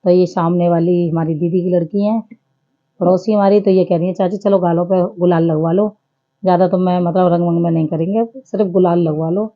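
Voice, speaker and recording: A woman's voice: lowish voice, fairly even intonation, fairly quick, highs cut off. A woman in her thirties giving a chatty, homely running commentary over her family vlog. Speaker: family vlogger.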